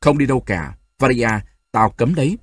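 A man reads the part of a hoarse old grandfather, stern and quick to shout, his husky voice leaping up and down. The storybook figure scolds harshly and turns choked and tearful, close and dry. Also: mid-range voice, animated, no echo. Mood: angry. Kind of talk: audiobook reading.

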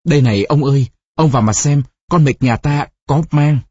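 Narrator playing an alarmed middle-aged mother, hasty, wailing, husky, lo-fi dull audio. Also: mid-range voice, fairly quick, dark tone, no echo, natural voice. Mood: distraught.

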